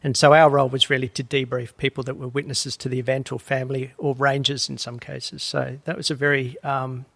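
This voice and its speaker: A middle-aged Australian man, a podcast guest, tells his career story in a relaxed, rambling way with many ums and uhs. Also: mid-range voice, brisk, creaky, hardly any pauses, dry recording. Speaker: guest, HR executive. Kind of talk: conversational podcast interview.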